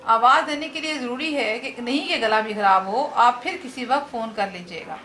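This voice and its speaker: A woman's voice: on the high side, moderate pace, sharp tone, a little hiss or hum. A woman reading the part of an ailing, irritable husband in a comic play, with fretful, groaning lines. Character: ailing irritable husband, middle-aged man, complaining.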